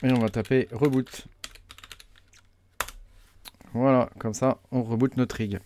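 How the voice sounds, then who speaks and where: A man talking through a software setup tutorial, hesitant with many fillers as he clicks along. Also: medium pitch, fairly even intonation, slow pace, a little hiss or hum. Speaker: crypto mining tutorial host. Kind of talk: casual screen-recorded tutorial.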